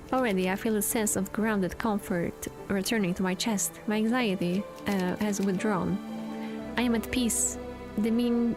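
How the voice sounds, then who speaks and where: A woman voicing a stiff, formal café customer who gives a presentation in a flat, robotic manner, with music playing behind. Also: medium pitch, close to an everyday voice.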